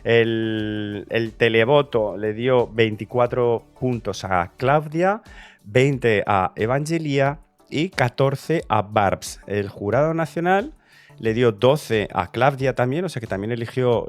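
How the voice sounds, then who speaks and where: A man from Spain chatting enthusiastically as he reacts to a song contest entry, casual and talkative. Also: medium pitch. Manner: chatty, enthusiastic, restarts and fillers. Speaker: Eurovision reaction youtuber.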